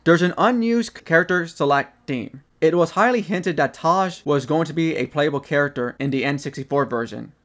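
A man's voice: a little high, moderate pace, hardly any pauses, a bit bright. A young man narrating a gaming trivia video in a casual, wry way, with sarcastic asides.

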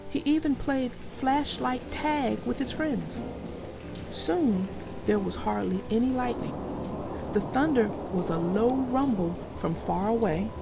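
A woman reading a children's storybook aloud, gentle and expressive. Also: medium pitch, gravelly.

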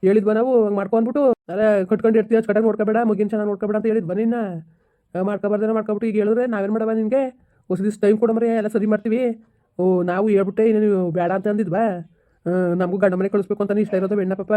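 A man's voice: sits high, flat delivery, racing, mellow, close to an everyday voice. A man playing a stern but caring village elder who lectures. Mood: scolding. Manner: scolding, lecturing, then soothing. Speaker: elder villager in a comedy skit.

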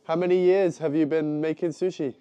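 A man's voice: fairly high pitch, fairly even intonation, fairly quick, dark tone, clean tone, dry recording, lo-fi sound. A man giving casual travel vlog commentary in short, informal remarks. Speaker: travel vlogger.

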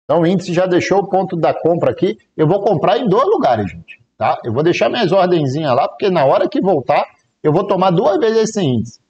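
A Brazilian man streams his live day trades, chatting casually with viewers and cracking jokes as he counts aloud. His high-pitched, husky voice is very animated, brisk, and a little mellow, and the recording's highs are cut off.

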